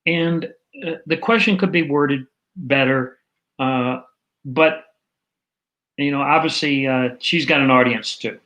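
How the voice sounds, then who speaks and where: A man's voice: medium pitch, takes it slowly, fairly bright tone, poor audio. A man hosting casual political commentary, rambling and digressive with many fillers.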